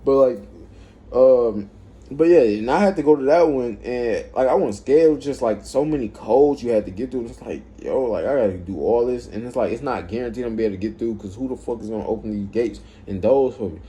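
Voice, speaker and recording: A man with a mellow, warm voice vents in a loose, rambling monologue. He swears freely and sounds fed up as he tells his story. His pitch sits in an ordinary middle range for a man. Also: brisk. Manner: rambling, profane, frustrated. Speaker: vlogger, former delivery driver. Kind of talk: casual venting monologue.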